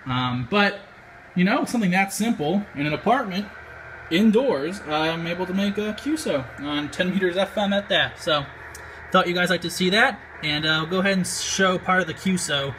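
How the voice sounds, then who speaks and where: Filming himself indoors on a handheld camera, an American man vlogs about amateur radio in a casual, slightly hesitant manner. He has a high-pitched, fairly bright voice at a moderate pace. The small apartment recording is poor, with audible background noise.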